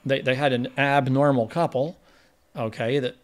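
A man's voice: medium pitch, fairly even intonation, normal speed. Man, film podcast co-host, rambling plot recap, lots of restarts, mid-range voice. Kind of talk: casual film review chat.

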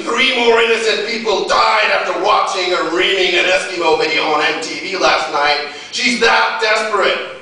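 A man, a poet giving a live poetry reading, declaiming loudly and brashly with crude, deadpan punchlines. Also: high voice. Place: festival venue in front of an audience. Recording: very echoey hall, voice picked up from far off.

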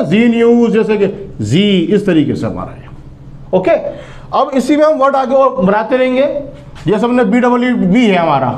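A man teaches English sounds to his students. He explains with patience, repeats each word and asks questions. His voice sits high and swings widely in pitch. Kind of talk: phonics lesson at a board.

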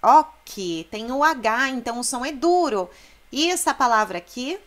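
A woman's voice: fairly high pitch, lively intonation, normal speed, fairly bright tone. A woman from Brazil teaching an Italian pronunciation lesson, explaining patiently and sounding out Italian words aloud. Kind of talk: language lesson.

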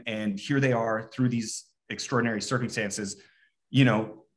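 A man talking casually on a panel as an actor, earnest, repeating words as he searches for them. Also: medium pitch.

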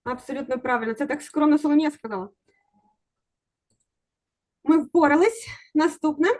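A woman's voice: sits high, moderate pace, a little mellow. A woman teaching an online exam-prep lesson over a video call, encouraging and coaxing her students to answer.

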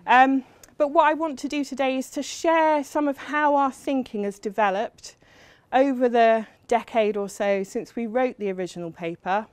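Woman lecturer from England, middle-aged, slightly high voice, chatty, lots of ums, dry close sound. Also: normal speed, hardly any pauses, clear, resonant tone, no echo. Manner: chatty, self-deprecating, frequent ums. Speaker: university lecturer. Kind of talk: academic lecture.

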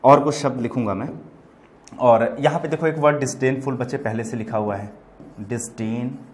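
A man's voice: medium pitch, a little fast, a little hiss or hum. A man with an Indian accent teaching an online vocabulary lesson, explaining word meanings patiently, addressing students as children and spelling words out letter by letter. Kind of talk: online exam-prep lesson.

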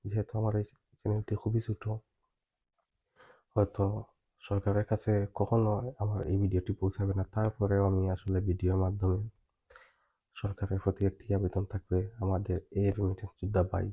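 A man hosting a reaction video, speaking slowly and gravely with many hesitant fillers. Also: on the low side, monotone, phone-quality sound. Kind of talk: solemn reaction commentary.

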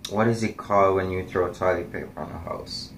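A man's voice: sits low, fairly even intonation, fairly quick, slight background noise. A young Jamaican man, a guest on a friend's vlog, answering in short, laid-back bits. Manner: brief, laid-back replies. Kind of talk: casual chat.

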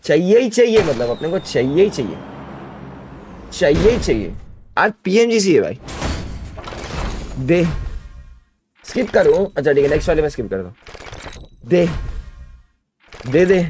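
A man in his twenties with an Indian accent speaks in a voice on the high side, unhurried and with long pauses, over soft background music. He's a gaming streamer at a desk indoors, chatting casually and excitedly on a livestream, repeating himself in animated slangy hype.

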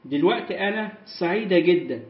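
A man with an Egyptian Arabic accent teaching a class, who reads English words slowly and clearly and then explains them quickly. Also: sits high, lively intonation. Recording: echoey, slightly muffled room recording.

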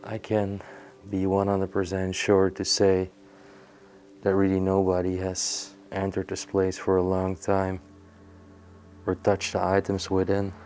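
A young man narrating an exploration vlog in an abandoned house, curious and hushed as he handles old objects. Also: low voice, completely flat delivery, unhurried, faint music behind. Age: young adult. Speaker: urban explorer.

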